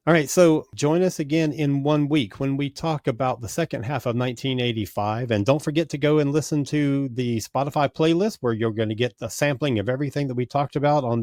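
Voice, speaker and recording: A man's voice: mid-range voice, fairly quick, few pauses, darkish tone, no room sound. Dry-voiced man hosting a music podcast. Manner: organized, informative, steers the show. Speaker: podcast host. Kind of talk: casual chat.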